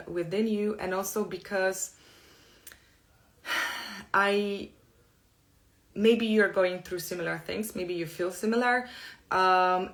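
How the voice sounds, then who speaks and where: This is a middle-aged woman from Poland whose first language is Polish, and her English carries a Polish accent. Her lowish, slightly bright voice moves through a personal self-help talk in slow, deliberate phrases, earnest and open.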